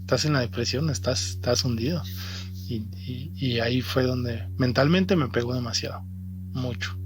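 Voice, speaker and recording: Halting young man. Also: medium pitch, background noise. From Mexico. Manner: halting, repeats words and restarts often. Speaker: interviewed athlete. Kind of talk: personal testimony. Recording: faint music behind the voice.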